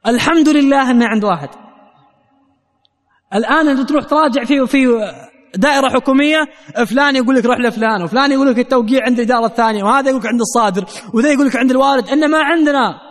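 A man's voice: very high voice, racing, long reverb tail. A man preaching a sermon, telling a story and earnestly addressing his listeners directly.

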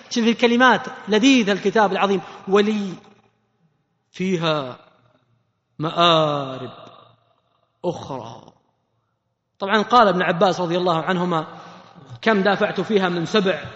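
A man delivers a sermon in an animated way, often putting questions to his listeners. His voice sits high, and it rings with a long echo in a roomy space. The sound is muffled and dull. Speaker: preacher. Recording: echoey hall, muffled sound.

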